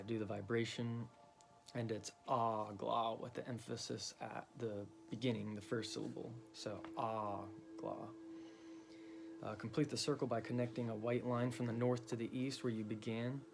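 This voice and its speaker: A man explaining a ritual step by step in a loose, halting way, with many ums and you-knows. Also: medium pitch, level tone, gravelly. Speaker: occult teacher. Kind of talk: casual explanatory lesson.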